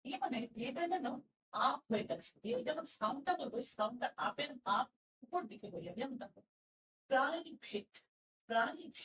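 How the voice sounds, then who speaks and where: A Bengali-speaking woman teaching English pronunciation, slowly repeating each sound and example word. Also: sits high, fairly bright tone, distant mic. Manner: slow, patient, repeats sounds and example words. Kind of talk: spoken language lesson. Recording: roomy echo from away from the mic.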